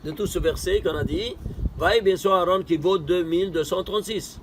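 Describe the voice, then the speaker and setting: A man with a notably high voice gives a Torah study lesson. He fires off rhetorical questions and answers them himself. He swings between emphatic bursts and quiet asides, over faint vehicle noise. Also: moderate pace. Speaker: Torah teacher.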